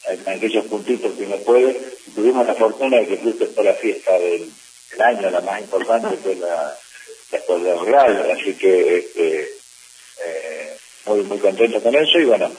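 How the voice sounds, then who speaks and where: A middle-aged man, a district governor of a service club, answering press questions in a measured way with frequent hesitations. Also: deep voice, darkish tone. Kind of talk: press interview. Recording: distant mic with faint hiss.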